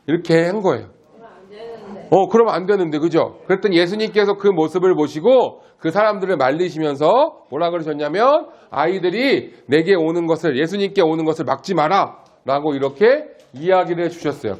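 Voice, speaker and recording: High-voiced man preaching simply. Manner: simple, slow-paced teaching with questions to the congregation. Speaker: pastor.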